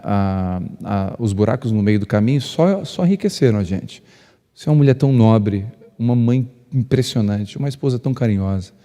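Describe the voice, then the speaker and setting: A male pastor, telling stories to couples. He speaks loudly by nature, acts out dialogue and jokes with the crowd. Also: lowish voice. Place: church hall. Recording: long reverb of a church hall.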